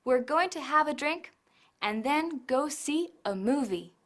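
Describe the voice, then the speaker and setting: High-voiced woman narrating an English lesson. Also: lively intonation, fairly bright tone. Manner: explains grammar and pronunciation in measured sentences. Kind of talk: scripted narration.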